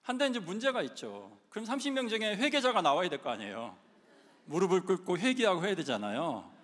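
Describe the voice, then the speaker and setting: A man preaching with a higher voice that swoops up and down as he tells stories from his own life. He keeps asking his listeners questions. His voice rings with the long echo of a big hall. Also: a little fast. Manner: lively, asks the audience questions, acts out his own past shouting. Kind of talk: sermon with personal storytelling. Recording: long reverb of a large hall.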